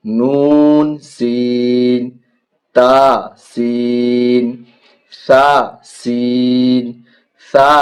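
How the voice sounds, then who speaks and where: A man teaching a Quran reading lesson, stretching out each letter name, then explaining quickly in between. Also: mid-range voice, darkish tone. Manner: drawn-out letter names called slowly, then quick explanations. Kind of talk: teaching a Noorani Qaida lesson.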